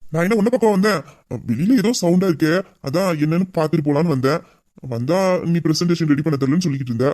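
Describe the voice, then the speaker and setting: A man's voice: a little high, fast talker, a little mellow. A man playing a flirtatious male boss who teases a staff member in a Tamil audio drama. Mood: teasing. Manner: teasing, playful and bossy. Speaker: boss voicing a romantic male lead.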